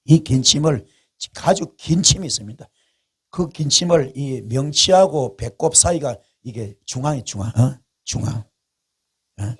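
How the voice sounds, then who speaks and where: A man's voice: mid-range voice, unhurried, slightly rough. A male pastor preaching a revival sermon in a colloquial storytelling way, repeating phrases for emphasis. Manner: colloquial, animated storytelling with repetition.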